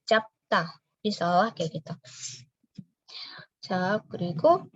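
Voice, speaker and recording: A woman teaching a recorded language lesson, slowly and patiently explaining pronunciation and repeating example words. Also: medium pitch, fairly bright tone, no echo. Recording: dry, slightly dull voice recording.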